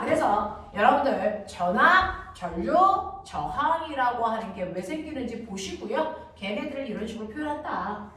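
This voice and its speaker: Brisk woman science teacher lecturing a class, heard from a distance over noticeable room noise. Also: medium pitch, a bit bright. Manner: brisk, constantly checks understanding with quick questions. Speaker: middle school science teacher. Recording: echoey classroom from afar, noisy.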